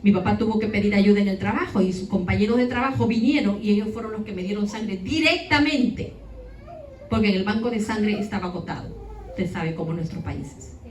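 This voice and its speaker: A woman's voice: mid-range voice, a little fast, slight background noise. A woman giving an emotional testimony to her congregation, speaking directly to the listeners. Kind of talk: testimony sermon. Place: church hall. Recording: echoey church hall, far off, faint ambience.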